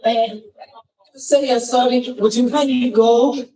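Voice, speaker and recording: A woman's voice: fairly high pitch, steady tone, unhurried, far from the mic, crowd noise, poor audio. A woman acting as master of ceremonies at a surprise birthday party, playful and teasing as she draws out the guest of honor.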